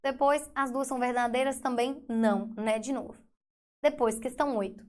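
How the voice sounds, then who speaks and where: A woman's voice: high-pitched, steady tone, moderate pace, a little mellow. A Brazilian woman teaching an exam review lesson in a chatty way, asking and answering her own questions.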